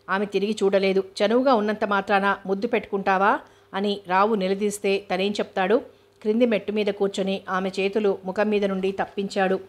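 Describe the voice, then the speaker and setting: Female audiobook narrator, flat steady delivery, little pitch movement. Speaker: novel reader.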